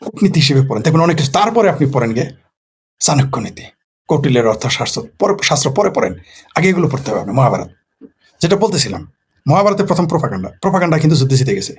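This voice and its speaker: Fast-talking husky man. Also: medium pitch, very animated. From Bangladesh. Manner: poses rhetorical questions and answers them himself. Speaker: political commentator. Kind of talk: casual late-night monologue.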